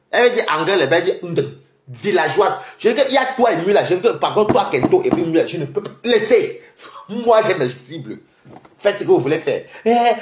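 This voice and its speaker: Taunting man with a lively high voice. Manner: taunting, mocking, rapid-fire. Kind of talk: heated livestream rant. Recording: echoey room.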